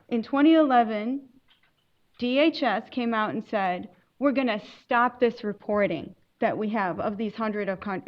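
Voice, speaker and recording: A woman from Lebanon speaking on a legal panel, earnest and emphatic, pausing and correcting herself as she explains. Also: a little high, dull audio. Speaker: immigration attorney on a panel. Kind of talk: panel talk to an audience.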